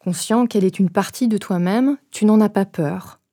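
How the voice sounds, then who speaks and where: Speaking softly in a mid-range voice, a woman leads a guided meditation, giving calm, unhurried directions with pauses separating each phrase.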